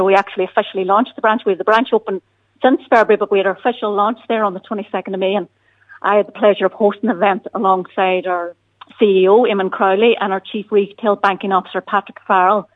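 A bank territory manager from County Donegal, Ireland, answers questions as a radio interview guest, speaking quickly and steadily at a medium pitch in a Donegal accent. She often drops in "you know" and "look," and the sound is tinny, like a phone line.

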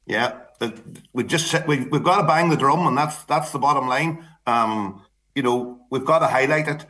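A man with an Irish accent speaking off the cuff as an interview guest, halting and repeating his phrases. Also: mid-range voice, pushed and bright. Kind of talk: campaign interview, spontaneous talk.

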